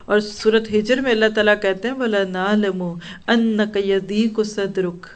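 A woman teaching an Islamic lecture to women, earnest and counseling, reciting Arabic verses slowly between her advice. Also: fairly high pitch, a bit bright.

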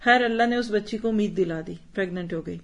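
Woman teaching at a religious talk, persuasive, keeps asking the room questions, mixes in english words. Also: mid-range voice. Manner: persuasive, asks many rhetorical questions.

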